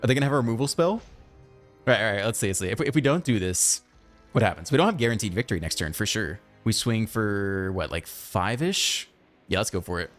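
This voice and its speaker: A man giving casual, chatty commentary over his own card game, thinking aloud and breaking into excited outbursts. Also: on the low side, fast, soft background music. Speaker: gaming channel host.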